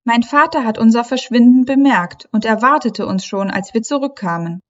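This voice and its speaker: A woman's voice: fairly high pitch, moderate pace, lo-fi sound, natural voice. A woman voicing a cheerful little girl mermaid in a bubbly, eager way. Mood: downcast.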